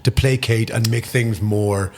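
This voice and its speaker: A man with a Northern Irish accent, a podcast guest telling stories in casual chat, animated, swearing freely and laughing often. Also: fairly low pitch, unhurried. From Northern Ireland.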